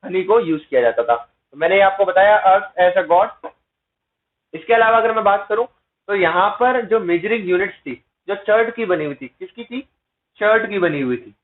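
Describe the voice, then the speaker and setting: A man's voice: sits high, animated, moderate pace. A man teaching an exam-prep lecture, asking rhetorical questions and checking in with his listeners. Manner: explains with repeated rhetorical questions and "है ना" tag checks; mixes English terms into explanations. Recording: tinny phone-like sound.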